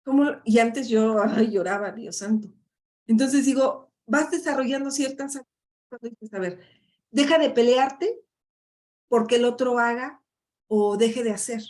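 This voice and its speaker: A middle-aged woman life coach gives a chatty live online workshop talk full of tag questions. Her voice is a little high and darkish, and she speaks a little slowly.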